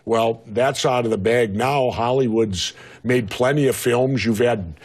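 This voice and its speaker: A man's voice: medium pitch, a little slow, slightly rough. A man speaking as a guest in a heated interview, blunt and argumentative, pushing back and talking over the host.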